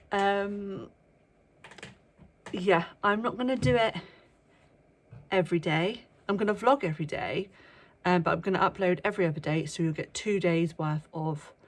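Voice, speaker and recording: A vlogger with a cold chats casually to camera from an indoor workplace early in the morning. Her medium-pitched voice sounds bunged up, and she talks chattily with frequent ums, sometimes dropping to a hush.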